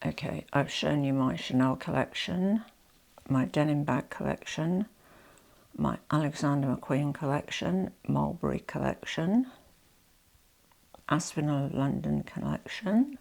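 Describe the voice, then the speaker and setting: In her handbag collection vlog, a woman nursing a head cold talks in a low voice with vocal fry, sounding nasal. She rambles with plenty of "you know" asides and at times drops to a soft near-whisper.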